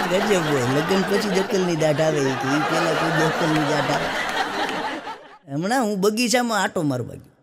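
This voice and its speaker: A man from Saurashtra telling stand-up jokes, with a Saurashtra Gujarati accent and a folksy storytelling style. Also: fairly high pitch. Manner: folksy storytelling with punchline asides. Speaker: stand-up comedian. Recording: long hall reverb.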